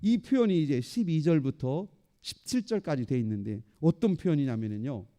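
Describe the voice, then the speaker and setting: A male pastor preaching a sermon in an animated way, acting out the voices he quotes. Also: on the high side, normal speed.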